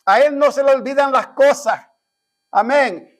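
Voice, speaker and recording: A man's voice: very high-pitched, unhurried. A man, preaching a Sunday school sermon as a pastor, often turning to the congregation with amens and questions and acting out his own prayers. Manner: dramatizes his own prayers, rising to a shout.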